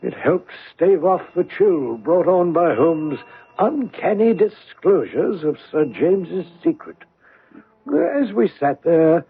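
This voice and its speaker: An actor playing an earnest, inquisitive doctor who narrates and acts in a radio mystery, expressive and storytelling in manner. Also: male voice, a little high, slightly rough, heavily acted. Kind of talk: radio drama narration and acting. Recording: muffled vintage radio broadcast.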